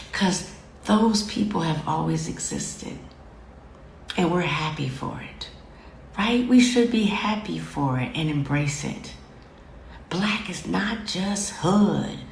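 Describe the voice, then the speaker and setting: At medium pitch and a slow pace, this woman's voice has vocal fry and a reverberant quality, with slight background noise. Hosting her own show, she talks straight to camera, lecturing her fam and babies with affection and firmness, repeating phrases for emphasis.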